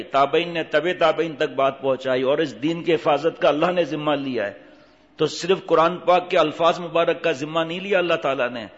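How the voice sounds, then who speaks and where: Preacher: a man with a higher-pitched voice who talks with the crowd and acts out the people in his stories. Dull recording with a long hall reverb. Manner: conversational, asks the audience questions, acts out the voices in his stories. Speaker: Islamic preacher. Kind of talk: sermon with anecdotes.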